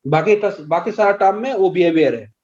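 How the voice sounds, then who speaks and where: A man teaching an online maths class, slowly quizzing his students with patient questions. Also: high-pitched, lo-fi sound, crowd noise.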